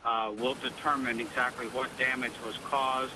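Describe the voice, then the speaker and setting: Man, company spokesman, measured official tone, flat delivery, noisy outdoor location sound. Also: mid-range voice. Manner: measured, official, with many fillers. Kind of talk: news interview soundbite.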